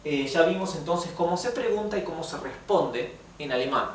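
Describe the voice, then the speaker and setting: A man teaching a language lesson, explaining pronunciation patiently and reading examples slowly. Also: on the high side, lively intonation. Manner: patient, slow and repetitive, reads examples aloud slowly. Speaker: German teacher. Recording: echoey room from a distance, faint noise.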